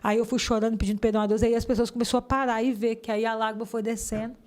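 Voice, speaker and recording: A woman with a Brazilian Portuguese accent giving a fervent, heartfelt religious testimony in an interview, her pace swinging between rushed and slow. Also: on the high side, flat delivery, darkish tone.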